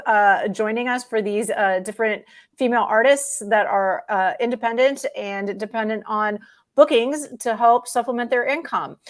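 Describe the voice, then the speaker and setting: A woman hosting an online music showcase, upbeat, laughing easily and using frequent fillers while she wraps up the show over a video call. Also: on the high side. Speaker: host. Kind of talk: interview and show wrap-up.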